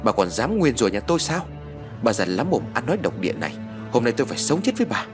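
A man voicing a furious young mother who yells threats. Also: mid-range voice, big pitch swings, quick pace, music in the background, lightly acted. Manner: yelling, threatening.

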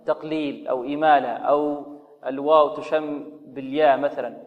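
A man's voice: a little high, steady tone. Man teaching Quran recitation, reverberant and muffled. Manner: explains slowly, asks rhetorical questions, models recitation. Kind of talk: tajweed lesson with recited examples.

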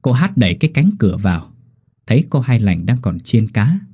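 A male storyteller, narrating a script with animated, expressive delivery. His voice is low and mellow, with a husky texture and lively pitch. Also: fairly quick.

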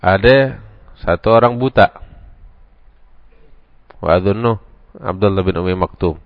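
A man with a Jakarta Betawi accent giving a humorous preaching lecture, acting out the characters in his story with sudden jumps in pitch. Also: a little slow, no room sound. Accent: Jakarta Betawi Indonesian. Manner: animated, acts out characters with sharp pitch jumps. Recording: dry, dull lo-fi recording.

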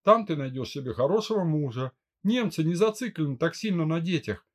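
A man doing a gruff, bossy older brother. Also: on the high side, expressive, brisk, voice pushed up. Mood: stern. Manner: growling, commanding. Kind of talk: audiobook character voice.

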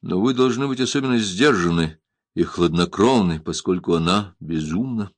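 A man voicing a commanding pirate captain who speaks calmly and firmly, with tenderness. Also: deep voice, normal speed, no echo. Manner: calm, firm.

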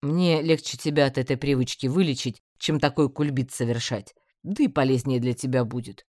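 A reader voicing a stern, prim male mage in an audiobook, measured and lofty. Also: medium pitch, fairly even intonation, a little mellow, dry recording, clean studio sound, natural voice.

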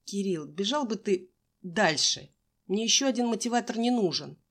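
A woman's voice: medium pitch, expressive, moderate pace, pitched above the performer's own voice. A woman voicing an exhausted fifteen-year-old schoolgirl, pleading in a raised voice.

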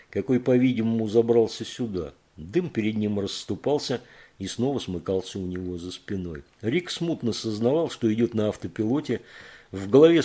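A man reading a thriller audiobook in measured, even narration. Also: fairly low pitch, slightly rough.

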